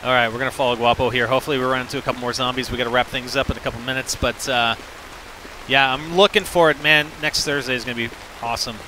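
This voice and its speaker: Bright-voiced male gameplay streamer. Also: medium pitch, fairly even intonation, fast, slight background noise. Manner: upbeat, talks to viewers, yells at the game. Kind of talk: casual gameplay commentary. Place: game studio office.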